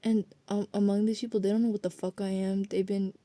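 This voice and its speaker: Late at night, a student vlogger in her young adult years chats aimlessly, cursing without restraint and drifting from one thought to the next. She speaks a little fast in a mid-range, level, mellow voice, and the recording is dry.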